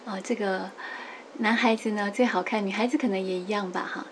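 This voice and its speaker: A middle-aged woman gives a patient, lively lecture on classical poetry at a moderate pitch. She slows right down to read each verse and softens her explanations with a little "ha". A faint hiss runs under the recording. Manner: lively, explains patiently, ends many phrases with a soft "ha"; reads quoted verses slowly and with emphasis.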